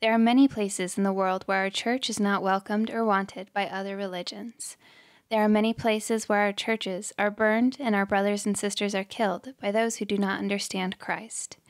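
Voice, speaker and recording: A woman hosting a prayer podcast, reading scripted prayers in a slow, measured, prayerful way. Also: mid-range voice, steady tone. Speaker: podcast host leading prayer.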